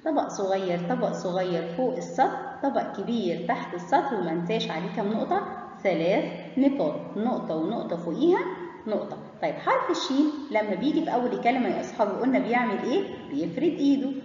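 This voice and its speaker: A woman with an Egyptian Arabic accent teaching kindergarteners, drawing out each letter sound slowly and clearly. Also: mid-range voice, a little mellow. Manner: slow, drawn-out sounding of letters and syllables. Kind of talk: children's phonics lesson. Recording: echoey, muffled room from a distance.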